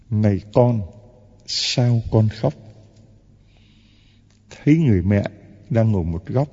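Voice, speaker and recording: A man, a priest, giving an impassioned sermon, drawing out key words slowly and rising to emphatic peaks. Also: medium pitch, warm tone, husky, in a large hall, highs cut off.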